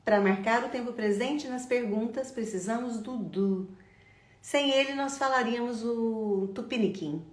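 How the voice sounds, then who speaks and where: A middle-aged woman teaching an online English lesson, repeating phrases slowly for her students. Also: a little high. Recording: echoey room.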